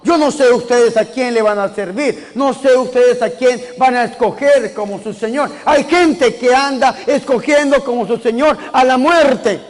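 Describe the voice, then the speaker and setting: High-voiced preacher in an echoing hall. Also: male voice, a little slow, hardly any pauses. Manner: calls the congregation to repeat and answer, building to shouts. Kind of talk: preaching a sermon. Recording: long echoing reverb of a big hall.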